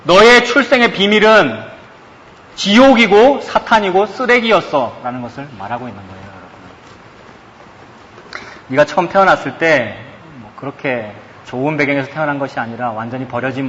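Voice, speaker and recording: A man's voice: mid-range voice, fairly bright tone, highs cut off. A man preaching a sermon to his congregation as pastor, speaking emphatically and putting rhetorical questions to his listeners. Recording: long hall reverb, faint background noise.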